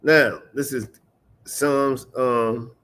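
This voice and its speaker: A man teaching scripture on a livestream, mixing casual slang with slow, stressed readings of old verses. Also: mid-range voice. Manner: emphatic, stresses single words while reading scripture aloud; casual street slang mixed with King James reading. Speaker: religious teacher.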